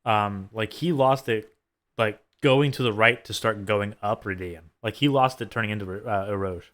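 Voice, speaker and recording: Man, lowish voice, race engineer, casual debrief chat, halting and thinking aloud. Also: a bit bright.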